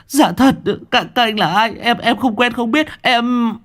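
A terrified stammering young punk. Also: male voice, a little slow, a bit bright. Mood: pleading. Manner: stammering, high and frantic.

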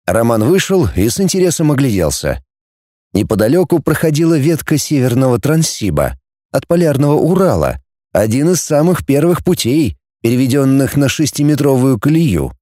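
Mellow, expressive male audiobook narrator. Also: medium pitch, normal speed, no room sound, studio quality. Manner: expressive, lively storytelling. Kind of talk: scripted narration.

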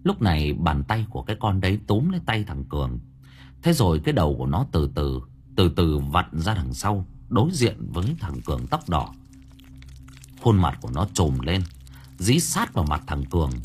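A man's voice: low voice, huge pitch swings, moderate pace, darkish tone, a little hiss or hum. A man narrating a horror story for an audiobook, telling it vividly and dramatically.

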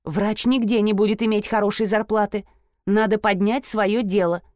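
A woman's voice: medium pitch, steady tone, moderate pace, a little mellow, no echo, studio quality, lightly acted. A woman voicing a frustrated grown daughter, an artist who squeals and pleads in a tense, strained voice. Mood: pleading.

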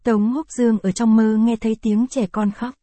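A woman narrating an audio novel in a steady, even storytelling manner. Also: fairly high pitch, moderate pace, no room sound.

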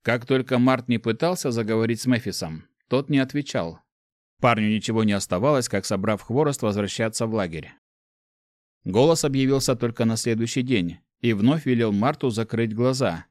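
A man reading a fantasy audiobook as narrator, in an even, measured storytelling manner. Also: medium pitch, dry recording, studio quality. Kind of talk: scripted narration.

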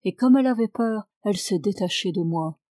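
Brief: distressed peasant man confiding his story, woman reader, mid pitch. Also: expressive, fairly quick, dark tone, dry recording, clean studio sound, close to an everyday voice. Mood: pleading. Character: peasant man held as a madman, pleading.

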